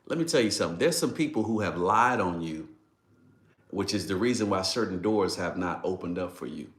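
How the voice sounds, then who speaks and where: Emotional low-voiced man preaching in an echoey room. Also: lively intonation, brisk. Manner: emotional, repeats exclamations, acts out scripture dialogue. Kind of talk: devotional sermon. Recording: roomy echo.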